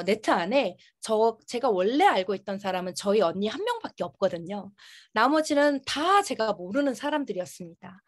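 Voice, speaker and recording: A woman giving an earnest, emphatic motivational business presentation, her articulation slightly impeded by a dental retainer. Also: a little high. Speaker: network marketing business presenter.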